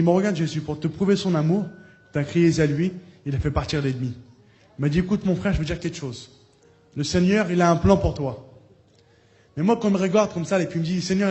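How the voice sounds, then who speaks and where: Man, high voice, preaching testimony, storytelling, loud bursts of praise. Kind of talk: testimony sermon.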